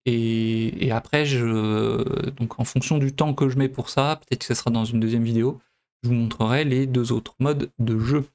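Casting note: young man from France, let's play host, mid-pitched, halting delivery full of fillers. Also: steady tone, darkish tone. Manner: hesitant, many fillers and restarts. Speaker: gameplay video host. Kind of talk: casual let's play commentary.

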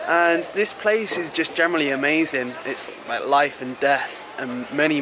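A young man chats upbeat to his viewers in a travel vlog, holding the camera mic at arm's length for selfie shots outdoors by a river and in a bedroom. His voice is mid-range, and background noise can be heard.

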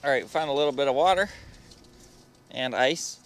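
A man's voice: medium pitch, normal speed. A young man running a sawmill in a snowy yard, talking casually and unhurriedly to the camera, muttering measurements to himself as he works. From Canada. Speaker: sawmill operator. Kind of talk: casual narration while working. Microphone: action camera. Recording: loud engine and outdoor noise.

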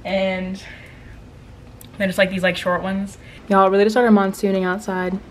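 A young adult vlogger from Maryland chats casually to the camera in the rooms of her home, rambling through her day and saying "like" a lot. Her mid-range voice is flat and moderately paced. The camera is held at arm's length or propped nearby, and the audio is clearly noisy.

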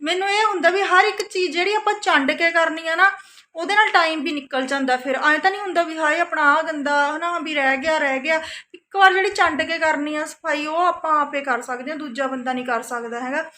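This family vlogger, a woman in her thirties from Punjab, speaks briskly in a high, sharp voice. Weary yet talkative, she walks through her day in a casual home vlog, frequently closing sentences with "hanna," a questioning "right?".

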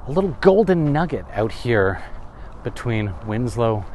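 Strolling outdoors across open desert, this travel vlogger in his thirties holds a camera or phone mic and talks casually, full of wry asides and self-directed questions. His mid-range voice is very animated yet a little slow and a little mellow, and there's slight background noise.

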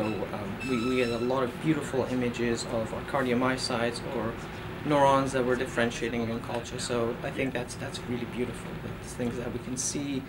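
This documentary interview features a postdoctoral researcher, a man in his thirties from Iran, with a mid-range voice. Speaking earnestly from a lab office against a noisy background, he relies on many fillers and restarts.

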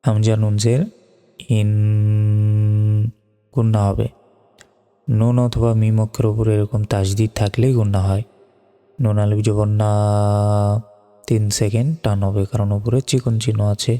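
A man from Bangladesh teaches recitation, spelling out each sound and then chanting the word at length. His voice is dark and mellow. Long reverb hangs on every word, with faint music underneath. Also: fairly low pitch, flat delivery, normal speed, pauses often. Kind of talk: slow spelled-out recitation lesson.

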